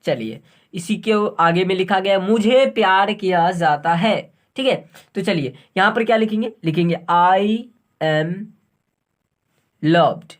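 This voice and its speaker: A male teacher works through a grammar tutorial at an unhurried, patient pace. He asks a question, pauses, and answers it himself. He repeats each phrase and spells words out letter by letter as if writing them on a board. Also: sits high. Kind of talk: online tutorial lesson.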